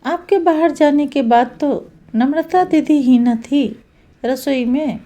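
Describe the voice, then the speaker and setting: A scheming young daughter-in-law with a sneaky way of talking, voiced by a woman telling a storybook tale. Her voice sits high and soft-toned. She speaks slowly. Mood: feigned innocence.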